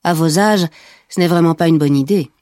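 A woman's voice: deep voice, brisk, darkish tone, dry recording, studio quality, lightly acted. A woman reading the lines of a stern young male border officer in a storybook, with curt, clipped questions.

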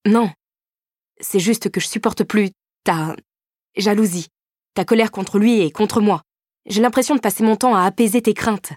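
A woman's voice: on the low side, moderate pace, pauses often, a little mellow, dry recording, clean studio sound, close to an everyday voice. A woman voicing a young woman in a breakup, strained and emphatic as she pushes back. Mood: upset.

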